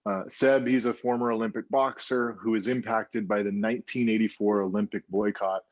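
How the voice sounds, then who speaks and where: A man in his thirties, an indie film producer telling stories in a casual interview, animated and rambling with many restarts. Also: fairly low pitch, a little fast, dry recording, muffled recording.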